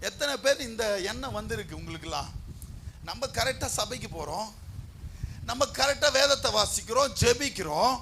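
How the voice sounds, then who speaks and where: High-voiced male pastor, gravelly, calling out and shouting, faint hall noise. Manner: calls out to the congregation, rising to shouts. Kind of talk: sermon. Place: church hall.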